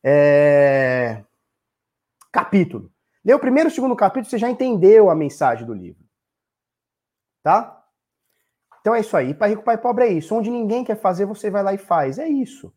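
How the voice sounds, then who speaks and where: This Brazilian-accented streamer, a man in his thirties, is slightly drunk and goes on a profane, repetitive rant to his chat. He speaks high and sing-song, fairly fast, pausing often, with a warm, slightly rough tone.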